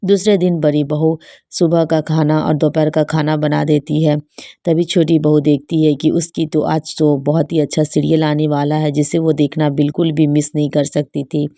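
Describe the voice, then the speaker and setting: A woman narrating a scripted bedtime story for children in a flat, even reading manner. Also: low voice, moderate pace, dry recording, studio quality.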